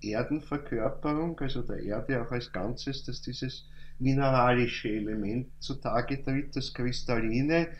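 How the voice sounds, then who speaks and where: A man giving a calm, thoughtful spoken lecture, reciting verse slowly at times. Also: medium pitch, lo-fi sound. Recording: echoey room, faint hum.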